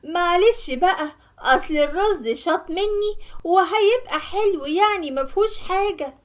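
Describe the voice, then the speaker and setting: A woman voicing a sharp-tongued, stingy sister with an Egyptian Arabic accent, speaking in a scolding, snappish way. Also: very high-pitched, expressive, normal speed, voice pushed up. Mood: dismissive.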